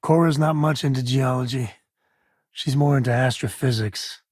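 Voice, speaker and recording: Man playing Sam Coe, husky folksy space cowboy. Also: medium pitch, normal speed, darkish tone, dry recording, studio quality, natural voice. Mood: wry, easygoing. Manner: folksy, wry, conversational. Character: easygoing, wry space cowboy pilot and father. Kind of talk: video game voice acting.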